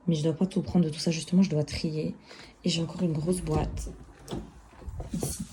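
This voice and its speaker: In this casual vlog with scripted voice-over, a Belgian French-accented woman in her early twenties keeps things chatty, dropping in English words and youthful slang. She speaks low, in a level tone at normal speed, over a noisy background.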